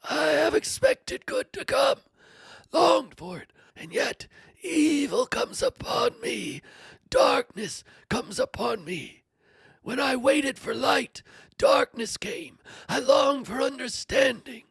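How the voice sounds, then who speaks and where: A woman's voice: high-pitched, big pitch swings, slow, creaky, no room sound, full character voice. Job, anguished suffering man, voiced by a woman. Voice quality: tearful, breaking into whispers and cries. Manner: anguished pleading, dramatic swings. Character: suffering old man Job, lamenting, despairing. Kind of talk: dramatic scripture reading.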